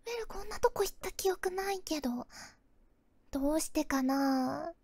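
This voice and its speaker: A woman's voice: sits high, lively intonation, normal speed, a little mellow, dry recording. A young woman streamer playing a horror game, panicking, shrieking at scares and repeating words. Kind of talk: horror game let's play.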